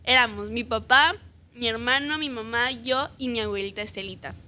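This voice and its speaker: A woman's voice: a little high, normal speed, pushed and bright. A young woman earnestly sharing her personal faith testimony as a podcast guest, often ending phrases with a questioning tag.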